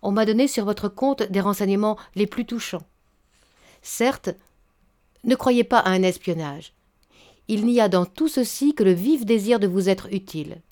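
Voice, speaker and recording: A woman reading a story aloud, voicing an old spinster matchmaker who speaks in a flattering, unctuous way. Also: mid-range voice, a little slow, natural voice. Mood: coaxing. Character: old honey-tongued spinster matchmaker, scheming. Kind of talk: audiobook reading.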